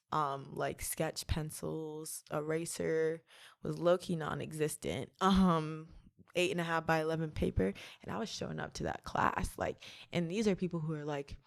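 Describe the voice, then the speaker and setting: A woman's voice: deep voice, vocal fry. A woman in her twenties, a college student guest on a podcast, chatting casually, filling her talk with "like" and poking fun at herself. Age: 20s. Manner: chatty, heavy use of "like", playful self-mocking. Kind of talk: casual interview chat.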